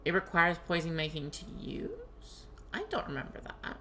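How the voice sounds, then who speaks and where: A woman giving casual, animated let's play commentary, talking to the game and her viewers. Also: lowish voice, normal speed, a little hiss or hum. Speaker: game streamer.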